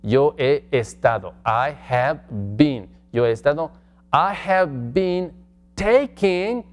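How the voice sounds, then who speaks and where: English teacher who drags out model phrases. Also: male voice, a little high, animated, takes it slowly, soft background music. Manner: asks the class questions. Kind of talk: slide-based grammar lesson.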